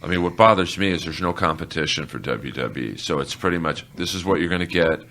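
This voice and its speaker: A man's voice: low voice, lively intonation, quick pace, bright, forceful tone, slight background noise. A man appearing as a guest on a podcast, giving blunt, irreverent opinions in casual chat.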